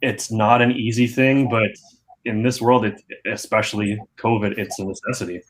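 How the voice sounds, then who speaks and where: A man's voice: fairly low pitch, fairly even intonation, normal speed, a little hiss or hum, poor audio. A man speaking earnestly as a guest in a casual panel discussion.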